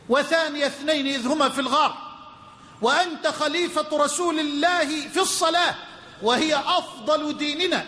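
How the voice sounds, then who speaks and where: Egyptian male preacher, very high voice, impassioned and repetitive, dropping into casual asides; echoey hall. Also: pushed and bright. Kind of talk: sermon storytelling. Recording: echoey hall with long reverb.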